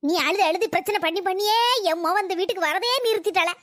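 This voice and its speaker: A woman's voice: extremely high pitch, quick pace, a bit bright, dry recording, studio quality. A woman voicing a nagging, self-pitying older mother-in-law in a cartoon comedy, scolding and sarcastic. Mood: angry.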